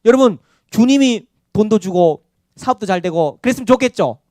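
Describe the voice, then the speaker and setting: A man's voice: high voice, brisk, dry recording, clean studio sound. A male pastor preaching a Sunday sermon, calling for amens and having the congregation repeat after him. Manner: animated preaching with call-and-response amens. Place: church sanctuary.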